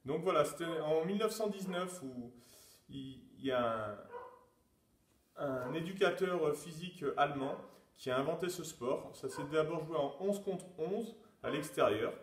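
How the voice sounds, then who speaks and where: A fairly high-voiced man quizzing his pupils on sport trivia and calling out "top" before each workout exercise. He sounds set back from the mic in a reverberant room, reading each answer choice in a teacherly way. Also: animated, a little slow, slight background noise. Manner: announcing questions, calling out "top!" to start exercises. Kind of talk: lockdown quiz and exercise session. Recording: echoey room, mic far off.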